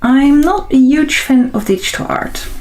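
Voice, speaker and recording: The Dutch-accented woman here is an artist and host who muses aloud while sketching, meandering and often restarting with an "um." She speaks a little slowly, in a high-sitting voice with a darkish tone.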